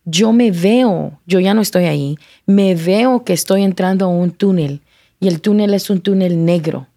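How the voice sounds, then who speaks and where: A woman telling a personal testimony in a conversation, emotional and halting, restarting words and slipping into English. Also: lowish voice, dark tone, no room sound, studio quality. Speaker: guest sharing testimony.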